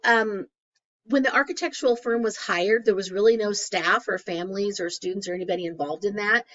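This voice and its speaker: A graduate student presents a case study for a class, speaking loosely and conversationally with many "um" fillers. She is hoarse from a cold, so her mid-pitched voice sounds crackly. The recording is dull and lo-fi.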